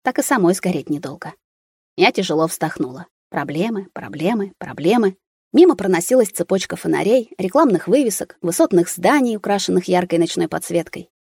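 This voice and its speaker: A woman reading a first-person audiobook in an even, measured storytelling manner. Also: fairly low pitch, creaky, slightly rough, dry recording, studio quality. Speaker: audiobook narrator.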